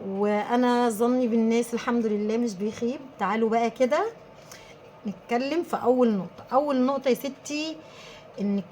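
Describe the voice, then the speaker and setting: An Egyptian woman who runs a small business, giving emphatic, animated advice straight to her viewers. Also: on the high side, a little hiss or hum.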